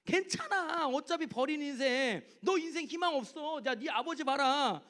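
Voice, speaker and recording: A man doing a cruel, sneering devil that mocks and jeers in a high, strained voice climbing even above his own. The taunts come hard and pushy, in a sermon told as a story. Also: moderate pace, exaggerated voice. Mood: jeering. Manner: mocking, jeering insults.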